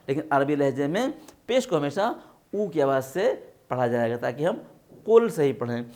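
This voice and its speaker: Male Quran teacher, fairly high voice, patient step-by-step tajweed explanation. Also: darkish tone. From India. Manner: spells out syllables slowly, asks and answers his own questions. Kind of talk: tajweed lesson.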